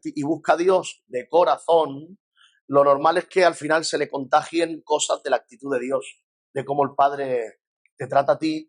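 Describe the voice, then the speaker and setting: A man with a Spain Spanish accent teaches a church lesson in a talky, pastoral way. His voice sits a little high for a man, and he keeps slipping into the voices of people he quotes. He poses questions to his listeners and answers them himself. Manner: lively, acts out quoted voices, rhetorical questions.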